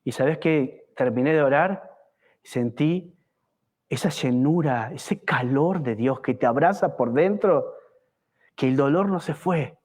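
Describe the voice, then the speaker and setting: A pastor preaching a fervent evangelical sermon at a church service, asking the congregation many rhetorical questions. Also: male voice, a little high, a little slow, darkish tone.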